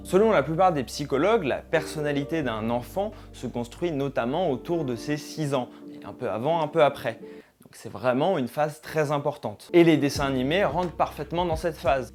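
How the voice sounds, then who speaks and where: A young man hosts a conversational video essay, talking informally and directly to his viewers. His voice is mid-range and a little mellow.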